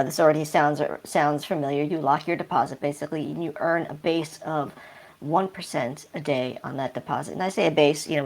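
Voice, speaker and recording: A man speaking through a voice changer that pitches his voice deep, answering interview questions casually and hesitantly with many fillers. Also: creaky, a little mellow. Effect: voice changer, pitch shifted deep. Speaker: project developer guest.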